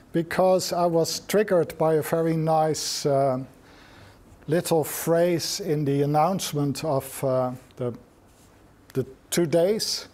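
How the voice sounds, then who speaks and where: A middle-aged man giving a reflective seminar talk, thinking aloud with frequent restarts and pauses. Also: fairly high pitch, a little mellow. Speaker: lecturer.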